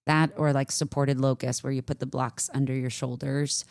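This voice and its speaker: A woman's voice: a bass voice, level tone, normal speed, gravelly, a little mellow. A woman co-hosting a yoga podcast in casual chat, chatty and upbeat, with lots of "like" and "right?". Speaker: yoga teacher and podcast co-host.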